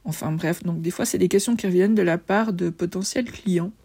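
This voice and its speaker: A woman's voice: lowish voice, fairly quick, warm tone, husky. A woman with a lisp on her s sounds, explaining things informally and conversationally as a photographer presenting.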